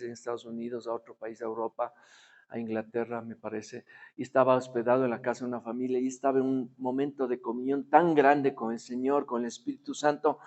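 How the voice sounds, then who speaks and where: A man's voice: mid-range voice, a little mellow. A man preaching a sermon in a conversational tone, often asking his listeners to agree and acting out the voices in his stories. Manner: acts out quoted voices in his story. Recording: dull lo-fi recording.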